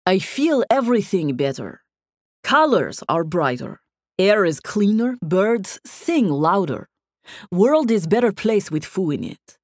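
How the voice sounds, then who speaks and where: A woman voicing a giant werebear of a man, gruff yet gentle, booms out short broken phrases in a heavy Russian accent. His words come slow and simple. The audiobook reading is dry and close, with no room sound around it. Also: sing-song, no echo. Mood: tender. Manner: broken English, bellowing, slow and plain.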